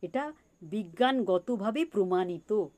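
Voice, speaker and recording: Woman teacher, slow and animated, repeats herself and asks questions. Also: medium pitch. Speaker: spiritual teacher. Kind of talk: teaching talk on meditation in farming.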